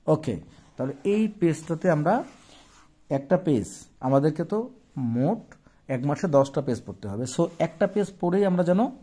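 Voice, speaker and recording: A man's voice: a little high, warm tone, slightly rough. A man teaching a children's English lesson, explaining patiently and repeating and spelling out each word. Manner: slow, patient, repeats words and spells them out; mixes Bengali explanation with English phrases. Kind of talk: classroom lesson explaining a textbook page.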